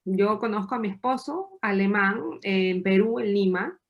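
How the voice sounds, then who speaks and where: A woman's voice: medium pitch, unhurried, highs cut off. Chatty Peruvian woman in her thirties. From Peru. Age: 30s. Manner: lively, chatty, laughs while telling her story. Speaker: podcast guest. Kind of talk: casual interview storytelling.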